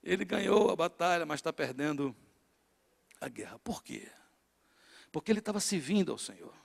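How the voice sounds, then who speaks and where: A middle-aged man from northeastern Brazil with a Northeastern Brazilian accent, preaching to a congregation with rhetorical questions and swings between loud and hushed. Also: a little high, lively intonation, normal speed, vocal fry. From Natal, northeastern Brazil. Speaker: pastor. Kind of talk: sermon to a congregation. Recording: long hall reverb in a church.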